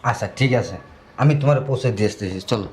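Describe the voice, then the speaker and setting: A man's voice: on the low side, racing, slight background noise, lightly acted. A man playing a pushy, selfish young fiancé, insistent and dismissive. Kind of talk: amateur short-film acting.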